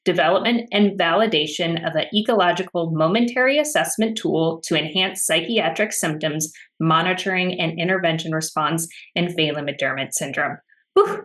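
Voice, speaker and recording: A woman in her thirties hosts a podcast over a webcam from a room at home, her voice sitting a little low. She introduces guests and asks questions in a friendly, upbeat way. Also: normal speed, fairly bright tone. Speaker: podcast host. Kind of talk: podcast interview hosting. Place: home room with framed pictures, indoors. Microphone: video call webcam.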